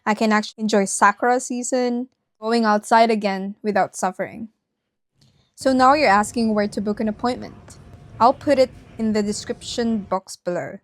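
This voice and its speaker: A woman with a slightly high voice narrates a personal vlog, speaking straight to her viewers. The sound is very dry, with no room echo. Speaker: vlogger.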